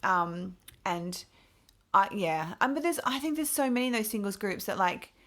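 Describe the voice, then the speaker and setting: Woman, bright tense voice, casual podcast chat, chatty. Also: mid-range voice, expressive, normal speed. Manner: chatty, frequent listening murmurs. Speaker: podcast co-host.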